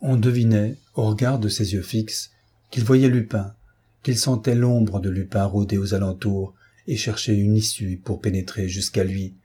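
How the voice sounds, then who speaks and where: A man reading a novel aloud as an audiobook, in measured, grave narration. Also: on the low side, steady tone, mellow, breathy edge. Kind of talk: scripted literary narration.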